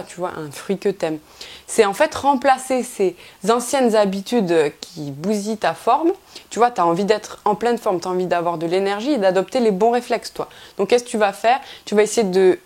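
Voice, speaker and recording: A woman's voice: mid-range voice, darkish tone. A young woman giving casual fitness advice straight to the viewer, slangy and informal, full of fillers and restarts. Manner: chatty, informal and slangy, addresses viewer as tu with frequent "tu vois". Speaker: fitness vlogger. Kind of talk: casual direct-to-camera advice.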